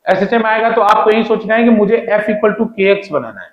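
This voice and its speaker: Male physics teacher, high-pitched, lecturing, asks rhetorical questions, echoey room. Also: expressive, moderate pace, dull audio. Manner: repeats points, keeps asking questions, calls students "beta". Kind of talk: classroom lecture.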